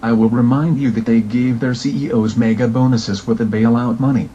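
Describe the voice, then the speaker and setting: Mellow-voiced man reading, dull lo-fi recording. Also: mid-range voice, steady tone, brisk. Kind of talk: scripted political message narration. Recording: dull lo-fi sound, faint noise.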